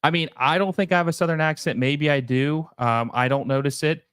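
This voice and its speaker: A man's voice: on the high side, brisk, a bit bright, smooth, dry recording, studio quality. A young man hosting a casual live stream, talking loosely with lots of fillers and restarts as he reads and answers viewer questions. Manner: rambling, many fillers and restarts. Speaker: livestream host.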